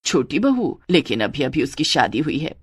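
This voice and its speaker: A lower, fretful older mother-in-law in a cartoon, voiced by a woman narrator. She fusses and exclaims in a deeper tone than the narrator's own. The recording is dry and close. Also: very animated, normal speed, slightly rough, no echo, full character voice.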